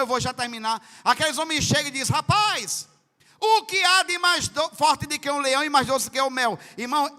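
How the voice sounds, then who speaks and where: A Northeastern Brazilian man preaches with a very high, bright, ringing voice. He acts out dialogue and jumps into sudden loud outbursts. The long reverb of a large church hall trails behind every phrase. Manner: preaching with sudden loud bursts and dramatized quotes. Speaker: pastor. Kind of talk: Pentecostal sermon. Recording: reverberant church sound system.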